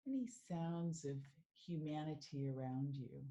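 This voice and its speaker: Woman, meditation coach; slow, mellow, calm guiding voice, slightly dull lo-fi recording. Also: low-pitched. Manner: slow, calm, soothing guidance. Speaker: mindful living coach. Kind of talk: guided meditation.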